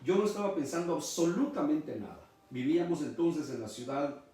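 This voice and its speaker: A man's voice: a little high, lively intonation, normal speed, warm tone. A middle-aged man preaching a sermon as pastor, emphatic and preacherly. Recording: echoey room, mic far off.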